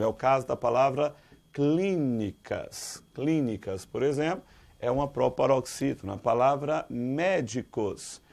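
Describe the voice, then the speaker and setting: Brazilian male teacher with a gravelly, creaky voice, quizzing students as he explains. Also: medium pitch. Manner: lively, quizzes listeners with rhetorical questions; calls students "dear". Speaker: Portuguese teacher. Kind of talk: exam-prep grammar lesson.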